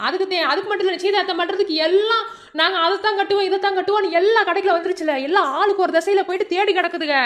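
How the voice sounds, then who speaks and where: Woman doing a brisk teasing Madurai matron. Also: very high-pitched, fairly even intonation, a bit bright. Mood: persuading. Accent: Madurai Tamil. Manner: brisk scolding banter. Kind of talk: cartoon voice acting.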